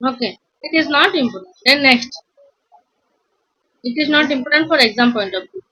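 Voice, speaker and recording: High-voiced woman teaching English. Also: animated, moderate pace, pushed and bright, rough recording. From India. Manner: repetitive, questioning the class, acts out pupils' excuses. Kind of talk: classroom lesson explanation.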